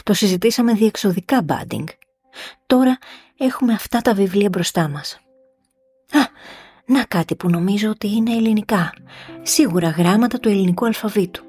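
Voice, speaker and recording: A woman reading the lines of an irritable, jumpy gentleman scholar in an audiobook story. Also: mid-range voice, pauses often, husky, faint music behind, pitched above the performer's own voice, lightly acted.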